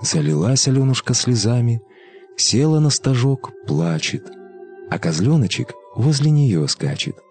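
A man reading a scripted folk fairy tale in an expressive storytelling manner. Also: medium pitch, measured pace, soft background music.

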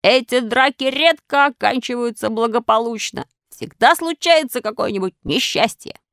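Hoarse old crab guy scolding the kids , a woman puts him on, pitched up, dry sound. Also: normal speed, a bit bright, no echo. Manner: scolding, preachy.

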